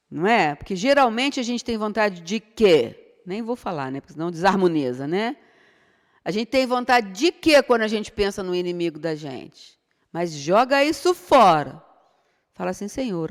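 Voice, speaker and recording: A middle-aged Brazilian woman giving an informal spiritual lecture, chatty and full of rhetorical questions. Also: medium pitch. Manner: conversational, rhetorical questions with frequent tag "né?". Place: spiritist center hall. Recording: long hall reverb.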